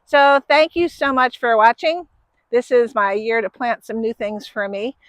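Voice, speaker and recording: A woman talks through her planting in a relaxed, chatty way as she works an outdoor garden bed. Her voice sits a touch high, and it comes across close and dry. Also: unhurried, no room sound. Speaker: gardening channel host. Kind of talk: casual how-to gardening talk.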